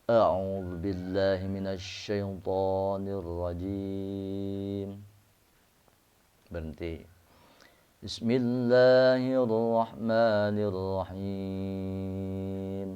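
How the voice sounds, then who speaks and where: A man from Indonesia teaching recitation, explaining slowly and chanting verses in long drawn-out tones. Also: low voice, a little mellow. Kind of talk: slow spoken lesson with chanted recitation examples. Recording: dull lo-fi recording.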